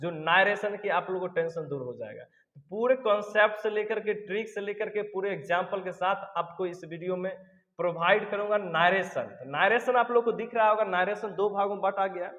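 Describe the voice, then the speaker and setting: A man's voice: high voice, moderate pace, a bit bright, big-room sound, lo-fi sound. A man teaching an English grammar lesson, drilling points again and again and calling his students dear ones. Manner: repetitive, drilling reminders to remember; affectionate address to students. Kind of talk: classroom lesson explanation.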